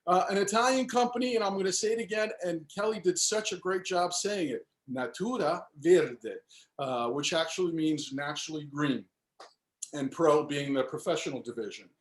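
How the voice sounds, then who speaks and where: Brief: chatty Northeastern sales director, slightly high voice, roomy echo on a video call. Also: male voice, a little fast. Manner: chatty, upbeat, filler-heavy. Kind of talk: webinar presentation.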